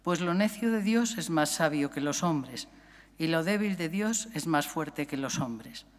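Male lector, higher voice, church echo. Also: expressive. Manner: formal, deliberate reading. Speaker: lector at Mass. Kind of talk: liturgical scripture reading. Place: large church. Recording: long church reverb.

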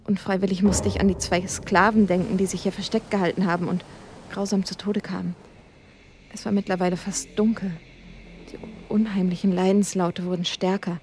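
A woman narrating a suspense story in a slow, hushed, dramatic reading. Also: medium pitch, flat delivery, slight background noise.

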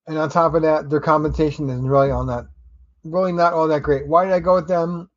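A man's voice: on the high side, steady tone, fairly quick, dry recording. Rambling male podcaster, dry slightly dull recording. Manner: rambling, conversational, wry. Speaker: podcast host. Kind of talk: casual solo podcast monologue.

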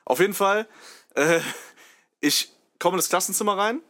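A man's voice: high voice, normal speed, pushed and bright. A young man hosting a podcast, telling rambling school stories in casual, slang-filled chat. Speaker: podcast host.

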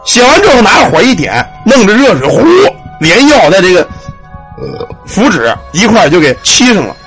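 A man telling a ghost story, animated, with shouted cries and sound words. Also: sits high, a little fast, faint music behind.

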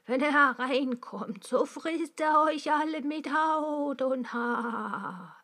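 A woman voicing a caring old mother goat in a fairy tale, slow and earnest. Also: sits high, fairly bright tone, voice pushed up, exaggerated voice. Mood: warning.

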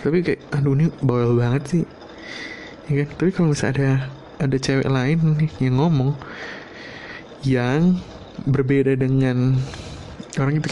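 A man rambles through a casual solo monologue, loose and sprinkled with swearing. His voice is mellow and sits at a middle pitch. A faint noise hums behind him in a home room. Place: home room, not a studio.

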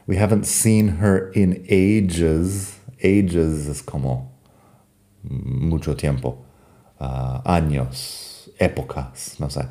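A low-voiced man teaching English in a calm, unhurried bilingual lesson. His tone is mellow and dark, and he pauses often with soft fillers while repeating each example sentence slowly and patiently. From United States.

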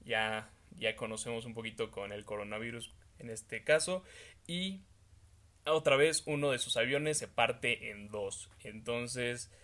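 Mexican guy co-hosting, bright tense voice, easygoing chat. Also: medium pitch, animated, measured pace. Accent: Mexican Spanish. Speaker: podcast co-host. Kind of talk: casual discussion.

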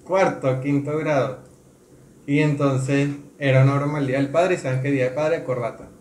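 A man's voice: medium pitch, fairly even intonation, normal speed, darkish tone, a little hiss or hum. A man co-hosting a podcast, telling stories in casual group chat with frequent laughter. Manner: rambling, storytelling, laughs often. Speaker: podcast co-host. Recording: echoey room.

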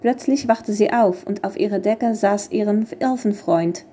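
Mellow woman reading a storybook. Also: mid-range voice, a little slow, slightly rough. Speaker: narrator. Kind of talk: scripted storybook narration.

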